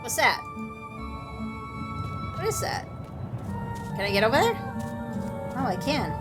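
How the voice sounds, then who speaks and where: A woman's voice: a little high, sing-song, slow pace, over loud music. Sarcastic swearing woman playing a game. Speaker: gameplay commentator. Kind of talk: casual let's-play commentary.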